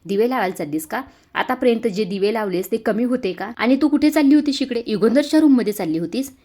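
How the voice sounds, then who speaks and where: A harsh, scolding aunt from a retold serial scene, berating someone at full shout, as a woman reads her lines. The voice sits a little on the low side. The anger stays hard and steady throughout. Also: normal speed, lightly acted.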